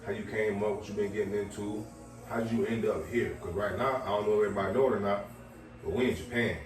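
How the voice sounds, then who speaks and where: Fast-talking host with a low voice, far off. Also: male voice, steady tone. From American South. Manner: loose, slangy, quick questions. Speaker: podcast host. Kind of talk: casual interview chat. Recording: very echoey, distant mic, music behind.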